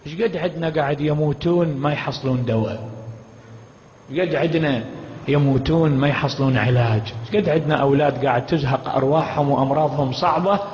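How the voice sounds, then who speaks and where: Impassioned high-voiced Iraqi preacher. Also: male voice, quick pace, a little mellow, a little hiss or hum. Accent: Iraqi Arabic. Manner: impassioned, preaching with rhetorical questions. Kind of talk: religious mourning sermon. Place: mourning gathering hall. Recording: dull, reverberant hall recording.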